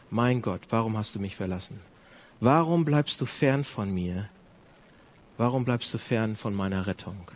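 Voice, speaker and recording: Guy preaching a sermon, husky voice, pitch all over the place, hammers the same phrases again and again, loud then hushed. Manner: emphatic, swinging between loud urging and low intensity; repeats phrases for emphasis.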